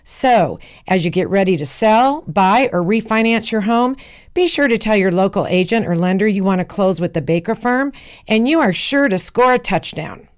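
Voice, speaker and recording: Woman, mid-pitched voice, scripted commercial announcer. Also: animated, moderate pace. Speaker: advertisement announcer. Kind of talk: scripted ad read.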